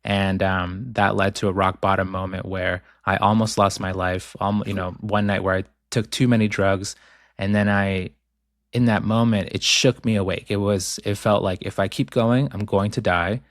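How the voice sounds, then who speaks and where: A man from Ecuador, raised in Boston, talks in a calm, reflective way with many ums. His voice is on the low side. The sound is dry, with no room at all. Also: normal speed, no room sound. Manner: calm, thoughtful, with frequent ums. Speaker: author guest. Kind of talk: reflective interview talk.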